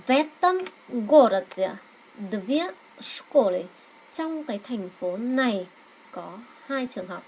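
Her voice a little high, a woman whose first language is Vietnamese teaches a Russian grammar lesson. She says words slowly and repeats them so learners can echo her, and there's a slight hiss or hum on the recording.

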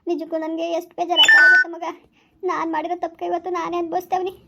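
A woman's voice: very high voice, little pitch movement, very fast, very noisy. A woman playing a remorseful young village mother who keeps pleading and blaming herself. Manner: pleading, self-reproaching. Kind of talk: village family skit acting.

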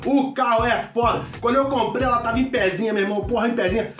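A man playing a shouting Rio mechanic. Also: very high voice, fast talker. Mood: boisterous. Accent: Carioca. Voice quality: shouting, swearing constantly, rambling. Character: loud brash slangy male mechanic, middle-aged. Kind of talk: comedy sketch monologue. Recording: echoey room, distant mic, faint music.

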